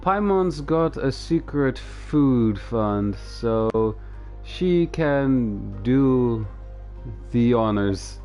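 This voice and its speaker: Extremely slow and expressive, this man's medium-pitched, slightly mellow voice drifts through hesitant, rambling commentary on his game stream, reading dialogue aloud with a dryly joking touch. A close streaming microphone captures him in a muffled recording, with game music in the background.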